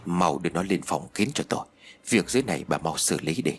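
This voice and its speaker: A man's voice: animated, quick pace, husky, faint music behind. A man voicing a grim, ruthless sorcerer. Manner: low, grave, muttering menace. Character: ruthless male sorcerer, stern and scheming.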